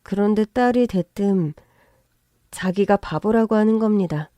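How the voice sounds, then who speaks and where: Woman narrator, slow measured first-person story, dry close sound. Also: mid-range voice, warm tone, dry recording.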